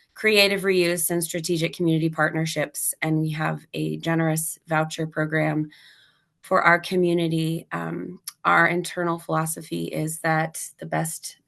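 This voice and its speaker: A woman whose voice is still weak after laryngitis presents in a webinar. Her voice sits very low and stays flat, with a gravelly fry, and she moves steadily through her slides. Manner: steady, informative delivery that cues slides. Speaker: nonprofit thrift store operations director.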